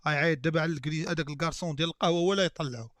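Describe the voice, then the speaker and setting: Rapid-fire Moroccan man streaming. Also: on the high side, fairly bright tone. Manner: rapid teasing banter. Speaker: live streamer host. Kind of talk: casual live-stream chat.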